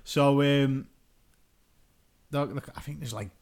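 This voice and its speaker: A young man telling a story in casual chat, animated and laughing often, acting out what other people said. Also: medium pitch, slow.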